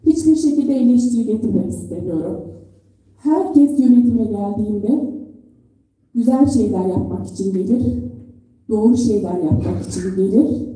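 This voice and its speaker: A woman's voice: on the high side, mellow, distant mic. Woman at a lectern mic, echoey hall. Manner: earnest, measured, with pauses between phrases. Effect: speaking into a lectern microphone in a hall. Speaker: delegate addressing a general assembly. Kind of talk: formal speech from a lectern. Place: assembly hall.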